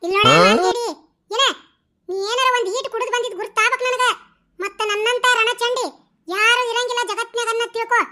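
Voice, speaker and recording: A woman voicing a fussy, dramatic village woman in a cartoon, with a North Karnataka Kannada accent and an excitable, chattering delivery. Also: very high voice, fairly quick. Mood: scolding. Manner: excitable, storytelling, scolding. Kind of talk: cartoon voice acting.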